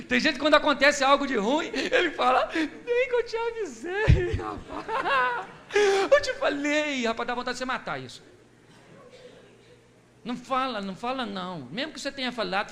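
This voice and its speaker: A man preaching a lively sermon in a Brazilian accent, telling the story with jokes and acting out the people in it. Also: extremely high pitch, gravelly. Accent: Brazilian Portuguese. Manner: animated storytelling, acts out quoted voices, jokes. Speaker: pastor. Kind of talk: lively sermon with humorous asides.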